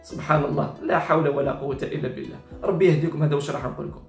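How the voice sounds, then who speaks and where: Algerian man, higher-pitched voice, very rapid, exasperated commentary, French mixed in, roomy echo, faint music. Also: fairly even intonation, gravelly. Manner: exasperated, repetitive, mixes Arabic with French. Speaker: online commentator. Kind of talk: informal reaction commentary.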